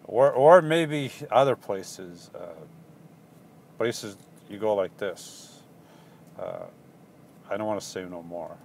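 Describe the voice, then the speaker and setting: There's slight background noise behind this low-leaning, creaky voice of a Portuguese-accented van-life vlogger. Chatting casually in a live Q&A, he answers viewers in a halting, rambling way with many ums and restarts.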